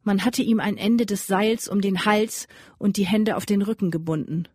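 A woman narrating an adventure audiobook in a measured, even reading. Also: medium pitch, slightly rough, no echo, clean studio sound. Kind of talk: scripted storybook narration.

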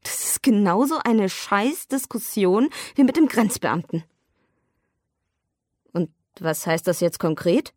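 A woman's voice: mid-range voice, animated, takes it slowly, dry recording, studio quality. Woman voicing a sarcastic jealous young man. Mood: sarcastic, suspicious. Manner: sarcastic, escalating into shouting rants. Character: irritable jealous young man, bartender type.

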